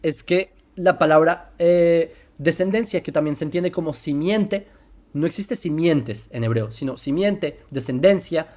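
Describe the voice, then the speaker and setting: A presenter explaining religious texts in a commentary lesson, slowing down to spell out terms and often asking whether listeners follow. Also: medium pitch, darkish tone. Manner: keeps checking listeners follow, asking "right?"; slows down to spell out terms and examples.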